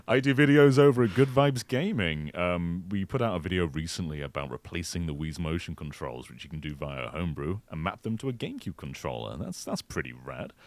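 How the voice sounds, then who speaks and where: Deep-voiced, animated male podcast guest. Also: brisk, no room sound. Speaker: guest video maker and voice actor. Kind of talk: casual gaming chat.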